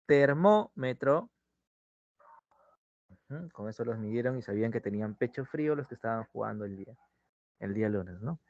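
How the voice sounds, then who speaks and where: A man's voice: lowish voice, dark tone, no echo. A man teaching an online language class with a Peruvian Spanish accent, drawing out his words and checking in with the students as he goes. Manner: drawn-out teacher's delivery, checks in with "¿no?" and "ujú". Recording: dull muffled sound, dry close mic.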